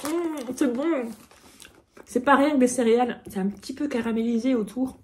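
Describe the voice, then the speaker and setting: A bubbly woman chats to the camera as she unboxes a parcel, her voice sitting a little high. She gets excitable and giggly. A faint background hiss runs under the recording. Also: normal speed. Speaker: vlogger. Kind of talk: casual unboxing vlog.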